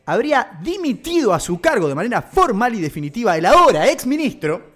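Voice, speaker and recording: A man's voice: extremely high pitch, very animated, brisk, fairly bright tone, voice pushed up, heavily acted. A man with a Rioplatense Argentine accent voicing a pompous, long-winded male TV news anchor in inflated, formal phrasing. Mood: grandiloquent.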